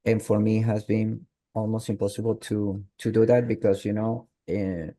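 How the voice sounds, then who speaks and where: A low-voiced man with a Venezuelan Spanish accent speaks over a video call. His tone is very dark, and he hesitates, repeating words and restarting his sentences. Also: level tone. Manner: halting, with many restarts and fillers. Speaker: guest. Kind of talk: online interview.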